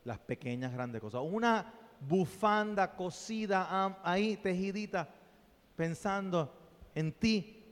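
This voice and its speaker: Animated preacher in an echoing church. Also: male voice, sits high, slow. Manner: animated and playful, swinging between soft asides and loud exclamations. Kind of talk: sermon. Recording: long reverb of a church hall.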